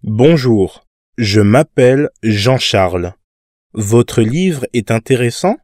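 A man playing a friendly stranger in a park, asking polite questions slowly in a scripted lesson dialogue. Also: medium pitch, animated, a little mellow, no room sound, clean studio sound.

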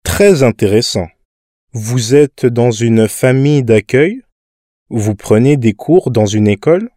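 Actor as a friendly man in a park, slow, warm and mellow voice, dry studio sound. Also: medium pitch, no echo, lightly acted. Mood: polite. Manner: slow, polite questioning. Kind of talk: scripted language-lesson dialogue.

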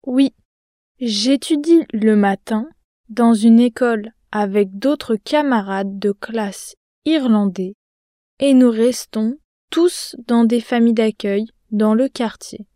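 Actress as a calm young student in a language-lesson dialogue, slow and mellow, dry studio sound. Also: female voice, on the high side, no echo. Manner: slow, careful, clearly articulated.

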